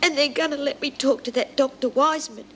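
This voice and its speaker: A frightened, childlike young woman prisoner with an Australian accent. Her voice is high and pleading. A faint hiss runs under this old TV drama. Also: brisk. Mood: tearful. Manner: timid, pleading, simple grammar. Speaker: prison inmate. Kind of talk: 1970s TV drama acting.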